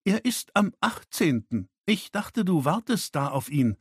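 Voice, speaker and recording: A cutting, scornful woman with a high voice, as a male narrator puts her on. She hisses short, hostile lines from a husky throat, and her contempt drags the words out slowly. It sounds like a dry, close audiobook reading. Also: big pitch swings, no room sound, full character voice. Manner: hissing, curt, scornful. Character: sharp-tongued hostile woman, adult daughter.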